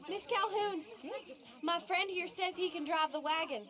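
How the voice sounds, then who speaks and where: A spirited young suffragette in a video game. Her voice sits high and her tone is defiant. She never backs down. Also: moderate pace, sharp tone, some chatter behind. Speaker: game character. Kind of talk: video game cutscene acting.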